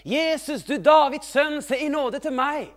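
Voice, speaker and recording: A man voicing a desperate blind man begging by the roadside, calling out in loud, pleading cries. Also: extremely high pitch, in a large hall, voice pushed up.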